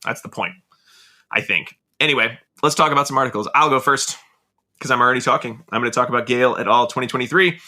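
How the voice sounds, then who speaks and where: A man's voice: mid-range voice, fast talker. A man co-hosting a podcast in casual chat, with an enthusiastic, jokey delivery. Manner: animated, self-described enthusiastic, jokey delivery. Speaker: podcast co-host.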